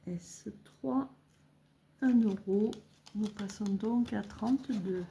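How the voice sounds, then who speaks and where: A middle-aged woman chatting casually as she fills budget envelopes, counting money aloud and thinking out loud with little hesitations. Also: medium pitch, slow pace, vocal fry, a little hiss or hum. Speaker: budgeting vlogger. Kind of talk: casual talk while filling cash envelopes.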